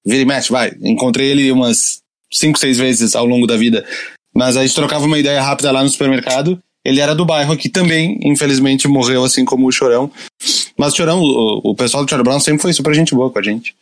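A man's voice: mid-range voice, steady tone, quick pace. A Brazilian man co-hosting a podcast, chatting casually and anecdotally, often doubling back on his phrases. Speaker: podcast co-host.

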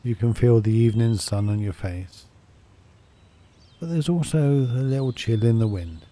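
A man guiding a sleep meditation, talking softly, slowly and soothingly. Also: medium pitch. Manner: soft, slow and soothing. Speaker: meditation guide.

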